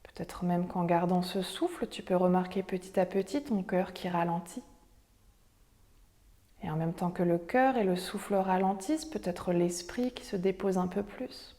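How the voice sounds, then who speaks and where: A woman leading a guided breathing meditation in a soft, breathy, near-whispered voice, with soothing, measured instructions. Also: fairly low pitch. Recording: long hall-like reverb.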